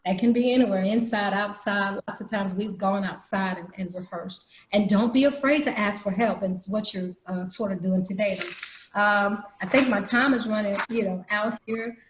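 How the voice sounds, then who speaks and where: Animated woman teaching acting, roomy sound. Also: mid-range voice, moderate pace, a little hiss or hum. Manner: animated, demonstrates voices. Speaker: theater teacher. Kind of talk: online badge workshop talk. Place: home room. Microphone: video call. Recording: roomy echo.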